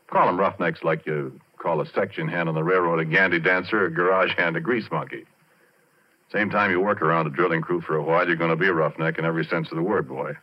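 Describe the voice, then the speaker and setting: An actor voices a retired, middle-aged oil-field roughneck narrating his own story in first person, 1940s radio drama style, speaking colloquially and directly to the listener. His voice is low, and the vintage 1940s radio recording sounds muffled.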